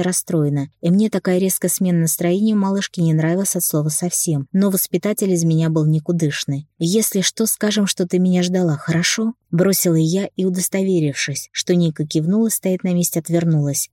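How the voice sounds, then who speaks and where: A woman's voice: fairly low pitch, warm tone, no room sound, studio quality. A woman narrating a novel aloud in the first person, reading evenly and without hurry. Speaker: audiobook narrator.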